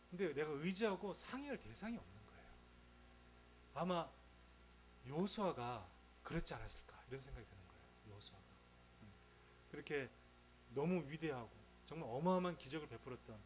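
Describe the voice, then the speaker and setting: A man preaches a sermon in a conversational, joking manner, often asking rhetorical questions. His pitch moves up and down in a lively way, and a faint hum runs underneath. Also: low-quality recording. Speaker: pastor.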